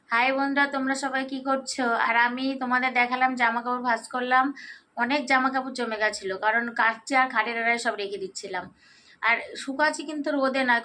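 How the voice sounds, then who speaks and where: A middle-aged woman, slightly hoarse, chatting casually to viewers through a daily-routine vlog and often checking in with them. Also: sits high, fairly even intonation, a little fast, sharp tone, a little hiss or hum. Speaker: vlogger.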